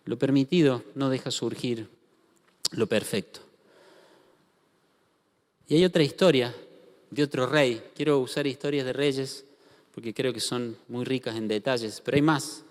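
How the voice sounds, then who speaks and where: A man's voice: mid-range voice, a little slow, pauses often. A man with an Argentine accent preaching a sermon, telling a story with acted-out dialogue and questions to the congregation. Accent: Argentine Spanish. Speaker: pastor. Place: church hall. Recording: long hall reverb.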